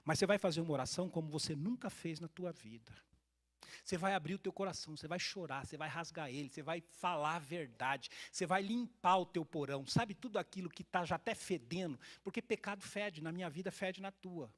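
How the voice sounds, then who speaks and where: A man's voice: a little high, fairly quick. A man from Brazil, a pastor preaching a sermon to his congregation, telling stories and speaking to the people in front of him. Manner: animated storytelling, addressing the congregation directly. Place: church hall.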